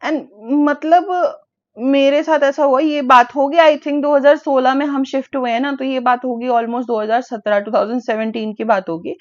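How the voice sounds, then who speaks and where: High-voiced young woman telling a storytime. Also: normal speed. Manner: animated, mixes Hindi and English, many fillers. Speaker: vlogger. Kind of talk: casual storytime. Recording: dull lo-fi audio.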